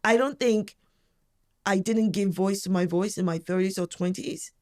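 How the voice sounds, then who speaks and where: A woman's voice: mid-range voice, normal speed, darkish tone. A woman in her forties speaking as an interview guest, talking candidly in an emphatic, outspoken and forthright way. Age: 40s.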